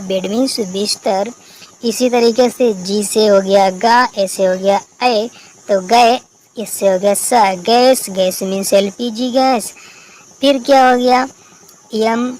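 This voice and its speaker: A woman's voice: mid-range voice, a little mellow, a little hiss or hum, low-quality recording. Woman teacher, recorded lesson. She spells out letters and asks her own questions. Faint crickets in the background. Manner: spells out letters and asks herself questions, then answers them. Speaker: English teacher.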